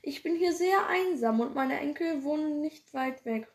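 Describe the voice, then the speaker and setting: A kind, lonely old widow speaks from a storybook in a friendly, gentle tone, put on by a woman reading aloud. The voice sits high and bright. A roomy echo hangs around it. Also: animated, normal speed.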